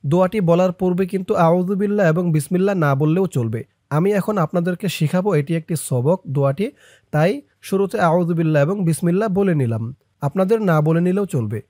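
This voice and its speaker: A man's voice: on the high side, warm tone, no room sound, studio quality. A man teaching viewers to pronounce a prayer, patiently repeating each syllable for them to follow. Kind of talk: spelling-out lesson of a prayer.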